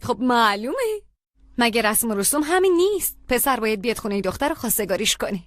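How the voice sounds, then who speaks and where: A high-voiced, pleading young woman. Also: big pitch swings, dry recording. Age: young adult. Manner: pleading and earnest. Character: young woman in love, defying her mother. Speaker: daughter. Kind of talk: dubbed TV drama.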